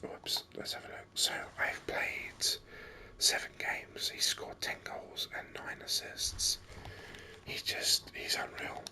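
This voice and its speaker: This ASMR gaming host whispers game commentary in a very bright, sibilant, breathy voice. The delivery is slow and rambling yet keen.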